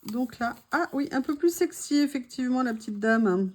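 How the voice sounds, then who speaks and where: A woman chatting casually to her viewers while unboxing craft supplies, gushing softly and adding small asides. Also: high voice, animated, normal speed. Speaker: craft vlogger.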